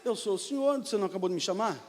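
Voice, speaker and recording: Preacher doing god's voice, calm and lower, steady, big church echo. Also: male voice, very fast. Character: calm commanding divine male voice.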